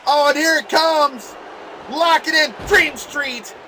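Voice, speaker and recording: Guy doing excited wrestling play-by-play, really high forceful voice, some noise in the recording. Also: takes it slowly, low-quality recording. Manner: excitable, exclamatory wrestling-commentator delivery. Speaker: wrestling commentator.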